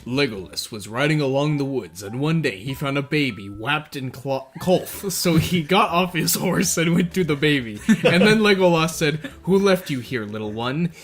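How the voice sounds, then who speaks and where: Young man reading aloud, lively pitch. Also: moderate pace, few pauses. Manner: deadpan reading broken by frequent laughter. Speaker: podcast co-host. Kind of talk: reading bad fan fiction aloud.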